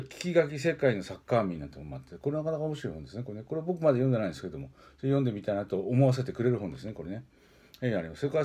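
A man hosting a weekly book-introduction stream, rambling casually with frequent filler pauses and self-corrections. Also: medium pitch, mellow, slightly rough. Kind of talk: casual spoken book review.

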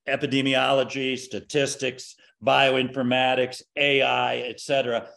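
Gravelly older man on a video call. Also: medium pitch, fairly bright tone. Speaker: keynote speaker and panelist. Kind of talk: academic panel discussion. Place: home office with window view.

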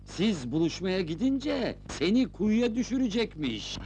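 A sly village headman rushes in eager and breathless with news. His voice sits high, with a faint hum under the old film sound. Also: sing-song, a little mellow, heavily acted. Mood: urgent. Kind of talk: 1980s Turkish film acting.

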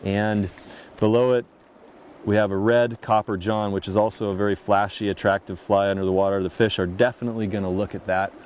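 A man narrating a fly fishing lesson in a calm, explanatory manner. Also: fairly low pitch, a little fast, slight background noise. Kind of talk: instructional voice-over narration.

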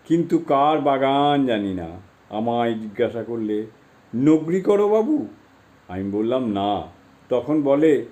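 An earnest devout pilgrim, as a male reader puts him on recounts his journeys in a devotional storybook reading. His telling is earnest and unhurried. The voice is warm and mellow. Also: medium pitch.

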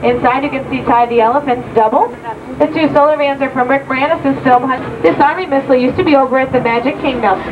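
A woman giving a rehearsed studio backlot tour, pointing out sights in a brisk, informative way, heard on an old VHS home video tape. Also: high-pitched. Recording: muffled, hissy VHS tape from a distance.

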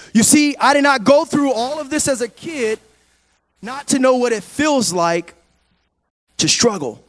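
A middle-aged man preaching a sermon in a large church, on a handheld mic, dropping low and quiet and then rising to shouted preaching. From California. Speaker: pastor.

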